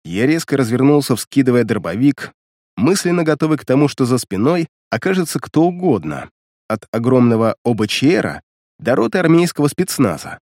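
A man's voice: mid-range voice, sing-song, normal speed, a little mellow, no room sound, clean studio sound. A man narrating a first-person action story with vivid, dramatic storytelling. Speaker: audiobook narrator.

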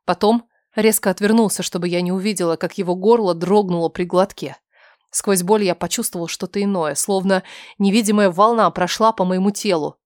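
Woman reading a dramatic audiobook, tense and emotional, gets soft and hushed a lot, very dry close sound. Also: mid-range voice, steady tone, fairly quick, no echo. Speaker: audiobook narrator. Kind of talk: first-person dramatic story reading.

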